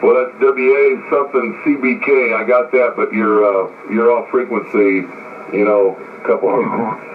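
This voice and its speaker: A man's voice: medium pitch, fairly even intonation, moderate pace. A man chatting on the air as a ham radio operator, heard through a slightly off-tune radio receiver, easygoing and rambling with fillers. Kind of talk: casual on-air radio chat. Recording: tinny radio line from far off with light static.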